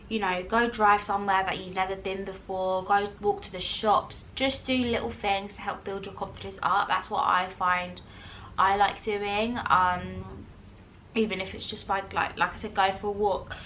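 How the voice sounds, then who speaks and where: A woman, chatting casually with viewers in a Q&A while eating, rambling quickly with many fillers. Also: medium pitch, fairly even intonation, a bit bright, slight background noise. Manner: chatty and self-reassuring, laughs often. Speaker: vlogger.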